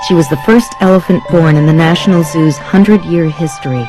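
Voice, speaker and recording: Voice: mid-range voice, fairly quick. Nature documentary narrator over prominent music.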